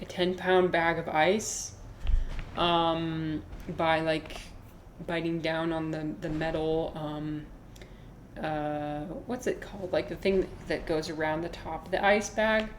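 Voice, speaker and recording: Low-pitched woman streaming a game, playful. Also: steady tone, takes it slowly, a bit bright, slight background noise. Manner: playful, offhand, easily sidetracked. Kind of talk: casual gameplay chat with viewers.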